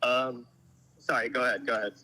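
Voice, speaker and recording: A man speaking over a phone on speaker, halting and often asking the other person to hold on, from a subway station. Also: mid-range voice, fairly even intonation, sharp tone, poor audio. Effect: heard over a phone on speaker. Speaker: friend on a phone call.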